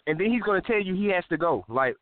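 A man from Alabama telling stories in a casual chat, animated, acting out what people said in a raised voice. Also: high-pitched, quick pace, crowd noise. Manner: animated, acts out quotes in a raised voice. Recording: tinny phone line with loud hiss.

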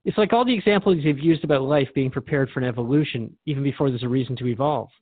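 A man with a medium-pitched voice and quick delivery plays a reflective, gently skeptical radio interviewer in a scripted drama, posing his questions thoughtfully. His acting is light, and the recording is dry with no room sound, filtered to a narrow band like a phone.

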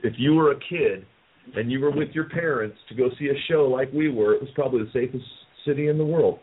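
A man's voice: mid-range voice, quick pace. A man hosting a casual chat, telling nostalgic stories and slipping into impressions. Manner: nostalgic storyteller, does voices. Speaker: host. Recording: tinny phone-like sound.

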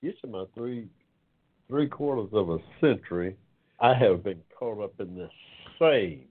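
A man in his seventies hosts an online talk forum in a casual, unhurried monologue. His low voice moves slowly and reflectively, with many pauses and drawn-out words. The sound is thin and boxy, like a phone call.

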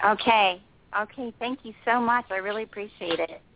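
A woman chats casually as a caller on a phone-in. Her pitch is middling for a woman. The sound is muffled and narrow, as down a telephone. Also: moderate pace. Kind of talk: casual chat.

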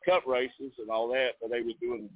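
A man's voice: medium pitch, lively intonation, moderate pace, gravelly, dry recording. A man chatting casually and in a folksy, easygoing way as a race fan interviewed over the phone. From Nashville area, United States. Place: outdoors in a campground pool beside a racetrack. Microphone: phone call. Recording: narrowband phone-like call, dry.

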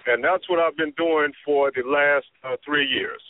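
A middle-aged man speaks on speakerphone from the road, his slightly high voice reduced to a thin, tinny phone sound. He calls in as a guest artist and talks in a steady, encouraging way, like someone giving advice. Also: normal speed, dry recording. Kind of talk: phone-in interview. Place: in a vehicle on the road.

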